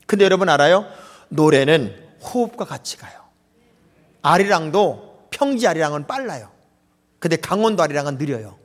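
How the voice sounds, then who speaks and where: A man's voice: on the high side, big pitch swings, normal speed. A middle-aged male pastor preaching a humorous sermon, joking with the congregation and mimicking dialects. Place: large church sanctuary. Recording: long reverb in a church hall.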